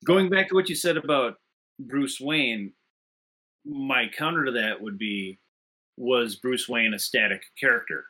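A man's voice: mid-range voice, a little slow, sharp tone, husky. A man on a remote call with a connection that breaks up, making a thoughtful case in a casual panel discussion and building his points through questions. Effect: remote call audio, connection breaking up. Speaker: podcast panelist. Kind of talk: casual pop-culture discussion.

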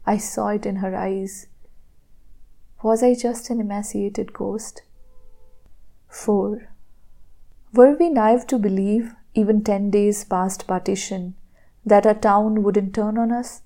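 A woman podcast host reading a poem aloud in a slow, measured way, now and then dropping to a whisper. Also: medium pitch, steady tone, mellow.

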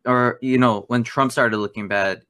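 A man in his twenties from Spain, chatting casually among friends, loose and quick to swear and laugh. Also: medium pitch, fairly even intonation, a bit bright, no room sound. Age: 20s. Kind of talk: casual chat.

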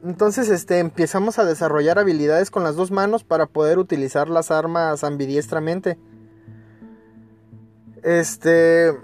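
A man with a Mexican accent, hosting a podcast and telling a personal story in a casual, crude, emphatic way, full of fillers and stumbles. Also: high voice. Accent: Mexican Spanish. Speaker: podcast host.

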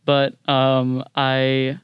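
Clear-voiced young man, standard American accent. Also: medium pitch, completely flat delivery, very slow, dry recording, lo-fi sound. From several countries across Latin America, Asia, Europe and the US. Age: young adult. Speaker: podcast guest, international student. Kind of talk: casual interview chat.

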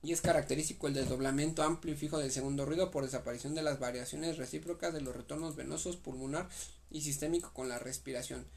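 A man's voice: fairly high pitch, steady tone, fast talker, creaky, darkish tone, a little hiss or hum. A young man with a Mexican accent, reading medical notes aloud and re-explaining them in casual slang during a study session. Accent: Mexican Spanish. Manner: reads guideline text aloud and re-explains it with slang. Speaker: medical exam study partner.

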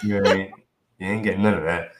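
A man's voice: deep voice, fairly even intonation, very fast. A man hosting his podcast, talking in a casual, playful hype style and often tossing in "right?" and "you know what I mean". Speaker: podcast host.

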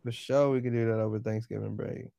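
A man's voice: lowish voice, fairly even intonation, fast, gravelly, mellow, no room sound. A young man with a lisp, co-hosting a casual podcast chat in a laid-back, joking way. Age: young adult. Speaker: podcast co-host.

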